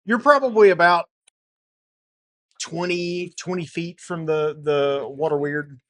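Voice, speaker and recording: A man's voice: a little high, slow, fairly bright tone. A man narrating as game master, explaining rules in an easygoing way with loose restarts.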